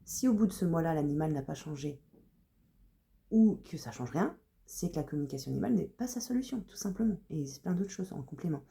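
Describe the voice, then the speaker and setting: A woman working as an animal communicator, explaining her practice to viewers in a loose, unhurried way with frequent hesitations. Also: sits low, lively intonation, gravelly, warm tone. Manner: unhurried, loose talk full of "voilà" and hesitations.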